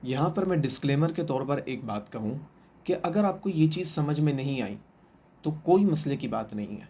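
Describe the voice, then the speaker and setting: A man's voice: fairly high pitch, animated, warm tone, slightly rough. A man teaching Quran reading in a recorded online lesson, patiently asking questions and answering them himself, and repeating each sound three times.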